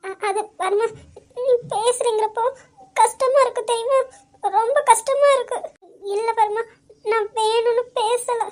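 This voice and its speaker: A woman voicing a tearful, very high-voiced young wife. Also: fairly even intonation, measured pace, pauses often. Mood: distraught. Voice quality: very high, girlish voice. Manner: pleading, sobbing between words. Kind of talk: hobby audio drama acting.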